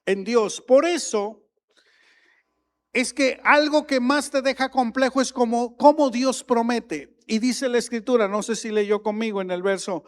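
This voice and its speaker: A man preaching a sermon as pastor, emphatic and growing louder on key points. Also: very high-pitched, steady tone, unhurried. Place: church sanctuary. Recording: long reverb of a large hall.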